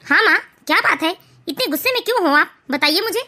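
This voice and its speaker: A woman's voice: very high-pitched, expressive, fast, bright, forceful tone, exaggerated voice. A woman voicing a grown son who is puzzled and asks questions. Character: confused adult son.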